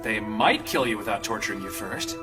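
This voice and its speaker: An actor playing a sarcastic, easygoing soldier who cracks wry quips. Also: male voice, lowish voice, lively intonation, fairly quick, over music, natural voice. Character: wisecracking male soldier, laid-back joker. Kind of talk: anime dub acting.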